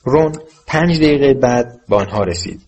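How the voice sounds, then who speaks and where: A man narrating an audiobook with a steady, measured reading. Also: medium pitch.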